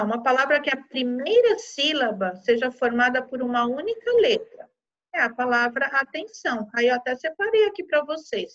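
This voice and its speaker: A woman with a Brazilian Portuguese accent teaches a class for young children in a high, gentle voice. She talks patiently and softens her words as she checks in with the class. The recording sounds slightly dull and lo-fi. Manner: gentle, patient, uses diminutives and checks in often.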